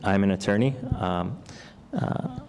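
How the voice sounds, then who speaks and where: A man's voice: lowish voice, huge pitch swings, a little slow, darkish tone. A young man from Hawaii speaking earnestly as a candidate at a community forum, eager to present his background. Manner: earnest, eager, self-promoting. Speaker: political candidate. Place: indoor community meeting room.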